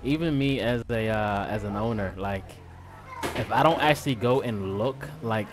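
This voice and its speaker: Streaming a driving game on his own server, a man chats casually with viewers and friends, laid-back and heavy on fillers and slang. His pitch is fairly low and his speed normal.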